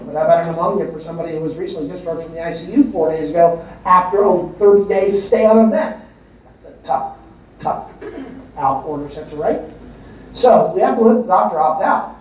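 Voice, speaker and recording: A male physician with a fairly high, darkish voice lectures a large conference audience in an emphatic, conversational way, repeating words for stress. It's captured from far off in an echoey hall.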